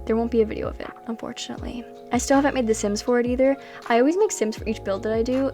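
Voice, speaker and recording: Young female vlogger, higher register, casual rambling voice-over, faint background music. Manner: rambling, self-deprecating, laughs often. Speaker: sims builder and video creator. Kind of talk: casual voice-over chat over gameplay.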